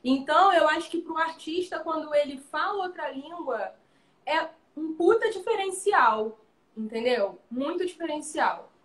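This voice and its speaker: A Brazilian guest actress with a high voice tells stories animatedly at a measured pace, using slang in a casual live chat over a video call. The recording has a roomy echo.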